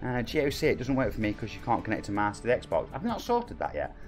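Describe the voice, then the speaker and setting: A man's voice: mid-range voice, huge pitch swings, quick pace, faint music behind. A man in his forties with a Nottingham accent, chatting casually on a live stream and reading viewer comments aloud in a cheeky way. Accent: Nottingham English. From England. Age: 40s.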